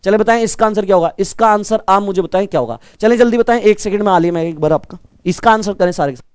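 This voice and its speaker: A man with a naturally loud, high voice teaches a live online reasoning class. He talks with energy, quizzes his students and calls them brother. The sound is smooth and close, with a dry room. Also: quick pace, dry recording. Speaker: reasoning teacher for exam prep.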